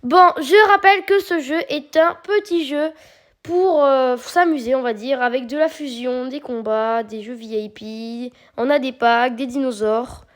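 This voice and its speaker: A woman's voice: sits high, unhurried. A woman gives casual, chatty gameplay commentary, explaining each step with plenty of fillers. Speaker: mobile game video creator.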